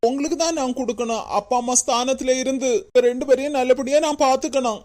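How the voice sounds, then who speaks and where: With a quick pace and a darkish tone, a woman's high voice and fairly even intonation carry a lightly acted cartoon role. She plays the adult older brother who heads the family, first remorseful and pleading, then stern and scolding, in a Kanyakumari Tamil accent.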